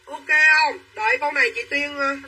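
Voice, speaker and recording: A young woman selling clothes on a livestream, talking quickly and pushing viewers to claim items. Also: high voice, bright, forceful tone, recorded from a distance, low-quality recording. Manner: quick and pushy, urging buyers to claim items. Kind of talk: live-selling chatter to viewers.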